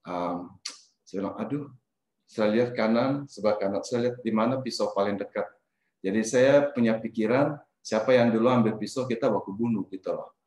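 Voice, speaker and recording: A man's voice: lowish voice, fairly quick. Middle-aged Indonesian man telling a story. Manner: animated, mixes in English phrases, trails off and restarts. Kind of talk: personal life story told casually. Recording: roomy echo.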